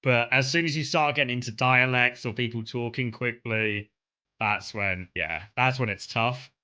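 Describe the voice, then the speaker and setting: A man with a soft southern English accent and a bright, forward voice at an average pitch. He chats casually like a streamer, rambling conversationally through anecdotes. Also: normal speed. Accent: southern English, mild. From Kent, south-east England. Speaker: streamer chatting with viewers.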